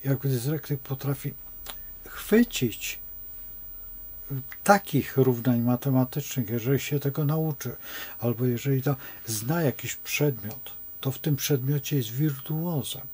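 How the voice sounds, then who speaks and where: Husky, mellow-voiced male astrologer. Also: medium pitch, a little slow. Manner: rambling, digressive storytelling. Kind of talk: unscripted monologue.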